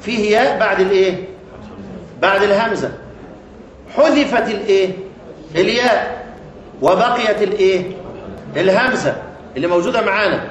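A man's voice: sits high, normal speed, long pauses, muffled recording. A man with an Egyptian accent teaching a class on recitation rules, often asking the class questions and repeating key words. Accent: Egyptian Arabic. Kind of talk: classroom lesson explaining a poem on tajweed rules. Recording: echoey room with faint noise.

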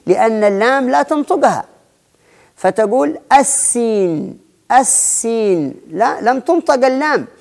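A man's voice: very high voice, gravelly. A man giving a spelling lesson, explaining rules patiently, stretching out example words and restarting his phrases. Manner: slow, deliberate, drawn-out example words, frequent restarts. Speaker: Arabic spelling teacher.

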